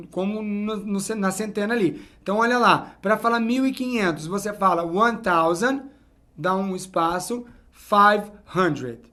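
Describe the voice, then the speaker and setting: High-voiced man teaching at a whiteboard. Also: fairly bright tone. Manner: explains step by step, repeating "então" and "ó". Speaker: English teacher. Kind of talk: whiteboard lesson.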